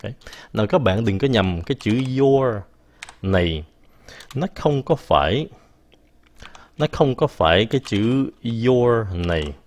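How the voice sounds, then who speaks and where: Slow, low-voiced male teacher. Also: lively intonation. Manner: slow, explains patiently, frequent "ok" and self-corrections. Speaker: English teacher. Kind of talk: casual spoken grammar lesson.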